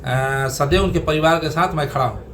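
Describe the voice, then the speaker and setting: A politician answering reporters' questions in a defensive, halting way with many fillers. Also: male voice, on the high side, fairly bright tone, a little hiss or hum. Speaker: legislator answering press. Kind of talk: press interview.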